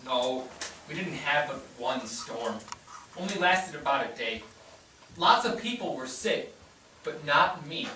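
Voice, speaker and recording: Captured by a distant microphone on a noisy, echoey theatre stage, a performer voices a twelve-year-old immigrant boy who is polite yet defiant, answering respectfully and briefly but stubbornly when pushed. The delivery is sing-song and medium-pitched, pushed and bright, at a measured pace with long pauses.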